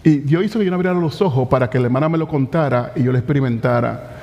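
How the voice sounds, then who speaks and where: A male pastor preaching a sermon in a church, impassioned and slowing down to stress key phrases. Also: mid-range voice, darkish tone, dull audio. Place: church sanctuary. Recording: long church hall reverb.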